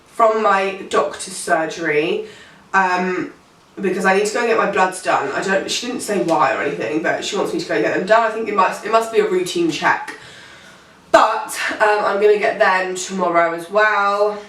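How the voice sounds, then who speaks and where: A woman's voice: medium pitch, moderate pace, a bit bright, distant mic. A pregnant young woman in her late teens, talks casually to camera. She rambles and fills her speech with "um" and "like". Her voice comes through an echoey room from a mic set back from her. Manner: rambling, chatty, many fillers. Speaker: vlogger.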